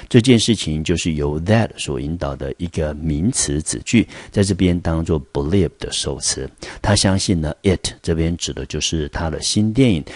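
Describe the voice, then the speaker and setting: A man with a very low, deep voice gives an online English lesson for high school students. He breaks each word into syllables and walks through the grammar slowly and methodically. The recording is close and dry, with no room sound. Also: a little mellow, no echo.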